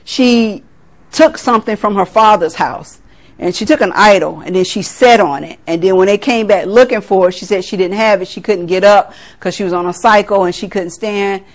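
A woman's voice: medium pitch, normal speed. A middle-aged woman from South Carolina preaching a sermon, earnest, laughing at herself and acting out family conversations.

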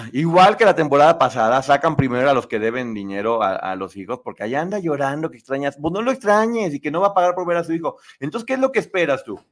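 A man hosting a casual commentary stream, sarcastically mocking reality-show contestants and answering chat messages. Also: mid-range voice. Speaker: host reading live chat.

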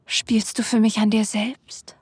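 Casting: woman for adult ASMR role-play audio. Airy, extremely breathy delivery, intimate manner, close and dry recording. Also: fairly high pitch, level tone, measured pace, darkish tone, no echo. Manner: sensual, intimate, addressing the listener directly. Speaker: erotic audio performer. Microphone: close microphone, dry sound.

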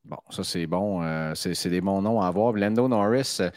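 A man's voice: sits low, moderate pace, darkish tone, no room sound, clean studio sound. A man with a Québécois accent hosting a casual podcast interview, chatty, with frequent stumbling restarts. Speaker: podcast host.

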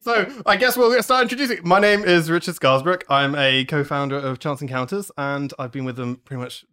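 A man's voice: on the high side, fairly quick, pushed and bright, clean tone. A man hosting a podcast in casual chat, laughing often and tripping over his words. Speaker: podcast host.

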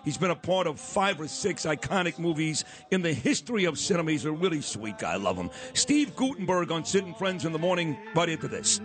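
A man with a husky Brooklyn accent, bantering brashly as he hosts a morning radio interview. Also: a little high, big pitch swings, fairly quick, few pauses, soft background music. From Brooklyn, New York. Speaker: morning radio show host.

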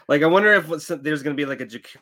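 A man's voice: fairly high pitch, pushed and bright, husky. A man chatting casually as a podcast co-host over a video call that keeps breaking up. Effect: breaking-up video call audio. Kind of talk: casual chat. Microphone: computer on a video call.

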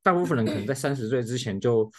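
A man's voice: medium pitch, lively intonation, fast, no echo, clean studio sound. A young man co-hosting a podcast, bantering and teasing in casual chat. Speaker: podcast co-host.

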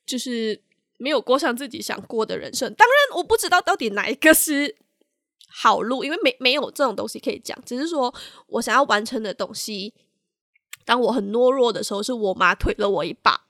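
A young woman co-hosting a podcast, telling a personal story in a halting, candid way and slipping into English phrases now and then. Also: a little high, expressive, a bit bright, dry recording, studio quality. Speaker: podcast co-host.

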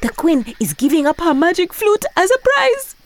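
A woman voicing an excitable male hyena who loves music, speaking in a high, eager, cackling way. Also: normal speed, slight background noise, exaggerated voice. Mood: excited.

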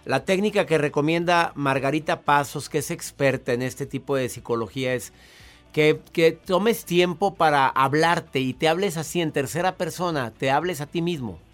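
A man's voice: fairly high pitch, moderate pace, soft background music. Upbeat man hosting a podcast. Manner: upbeat, effusive, praises guest. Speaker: podcast host. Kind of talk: interviewing a guest.

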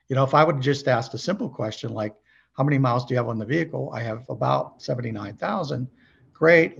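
Creaky and breathy at medium pitch, this podcast guest, a service trainer for car dealerships, gives emphatic, conversational coaching. He checks in with quick rhetorical questions and plays out sample calls, and the recording sounds muffled.

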